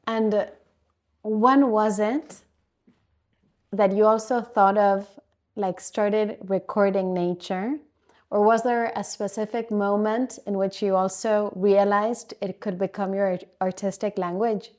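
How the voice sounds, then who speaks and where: A woman's voice: medium pitch, fairly even intonation, slow pace, a little mellow. A woman from Argentina, hosting a podcast and asking friendly interview questions. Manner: friendly, with frequent "yes" replies. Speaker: podcast host.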